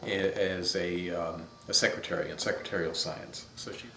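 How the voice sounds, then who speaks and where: A man's voice: deep voice, steady tone, normal speed, bright, forceful tone, slight background noise. A man in his fifties from upstate New York, thoughtfully telling stories of his childhood in an interview. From upstate New York, USA. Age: 50s. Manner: thoughtful, storytelling, searches for words. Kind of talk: reminiscing interview. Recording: echoey room.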